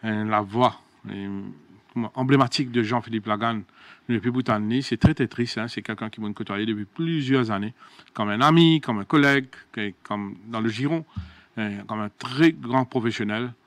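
A man's voice: medium pitch, normal speed, no room sound. A man hosting a horse racing talk show, searching for words with many restarts.

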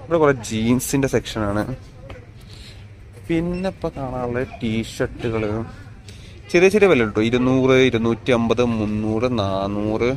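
A man's voice: mid-range voice, a little slow. Chatty man vlogging down a noisy street. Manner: chatty, addresses viewers as guys. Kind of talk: casual walking vlog. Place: outdoors on a busy street. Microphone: phone camera, no external mic. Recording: phone recording with loud street noise. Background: street traffic and passers-by.

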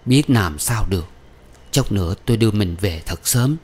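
A man doing a hot-headed young laborer in a storybook, curt and plain-spoken. The voice stays low and close to the reader's own. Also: expressive, normal speed, a little mellow, husky.

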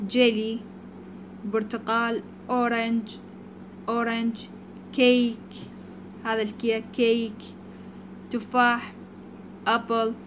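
Slow, patient woman teaching children. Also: fairly high pitch, a bit bright, slight background noise. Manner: repeats each word slowly, then explains it. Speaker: primary school teacher. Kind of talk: slow English alphabet lesson for young children.

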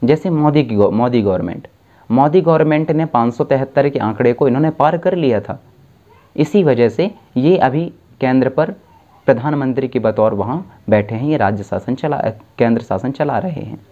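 A young man tutoring civics for an exam talks to camera from a desk in a dimly lit indoor room, working through each step slowly with frequent restarts and self-corrections. He has an expressive, mellow voice of medium pitch, and the recording is muffled.

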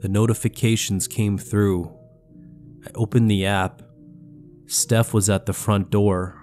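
A man with a low, sick-sounding voice narrates a scary story at an unhurried pace. A soft music bed plays quietly behind his reading. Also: flat delivery. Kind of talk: scripted horror narration.

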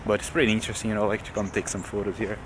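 A young man vlogs his travels to a camera held at arm's length, speaking very fast in a fairly low voice with loose, offhand, non-native phrasing and relaxed commentary. He is outdoors and in an empty concrete building, with heavy background noise.

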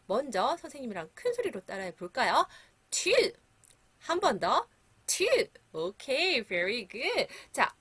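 Woman teacher, bouncy high voice, coaxing kids to repeat words, super dry close mic. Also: fairly bright tone, husky. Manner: cheerful, coaxing, repeats words for pupils to echo. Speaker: English teacher for children. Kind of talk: children's English lesson.

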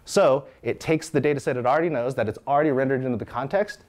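A man's voice: medium pitch, fast, darkish tone. A man in his thirties giving a live technical talk, walking through code in a conversational way and often checking in with "right?". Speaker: conference speaker. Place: meetup room with audience.

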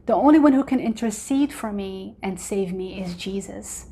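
A Moroccan-born woman in her forties whose first language is Arabic hosts from her home living room, sharing a personal testimony in an earnest, chatty manner with many fillers. Her husky, warm voice is mid-range and moves at a moderate pace.

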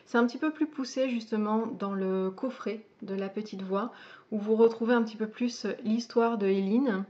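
A woman hosting a casual video where she presents a book, speaking hesitantly with frequent fillers, pauses and restarts. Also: on the high side, fairly even intonation, warm tone. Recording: dull lo-fi sound.

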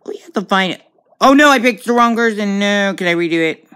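A gamer sits indoors at a tablet giving casual let's play commentary and reacting aloud with frequent exclamations. The voice is mid-range, brisk, sharp and clean.

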